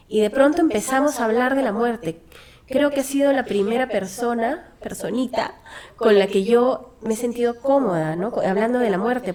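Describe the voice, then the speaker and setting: Interviewed as a guest, the founder of a children's hospice, a woman from Peru, recounts a story in an earnest, reflective way. She has a Peruvian Spanish accent and a somewhat high, slightly mellow voice, and often uses fillers and restarts.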